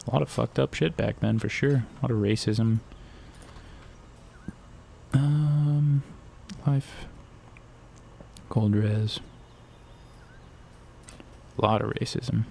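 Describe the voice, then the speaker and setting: A man's voice: medium pitch, takes it slowly, gravelly, pauses often, a little mellow, slight background noise. A young man giving casual, rambling commentary while playing a video game, cracking crude jokes as he goes. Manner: rambling, joking, crude humor. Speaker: gaming streamer.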